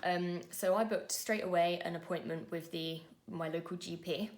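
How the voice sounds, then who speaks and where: A woman, telling a personal story to camera in an earnest, conversational way with frequent pauses and fillers. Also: lowish voice, fairly even intonation. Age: 20s. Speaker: vlogger.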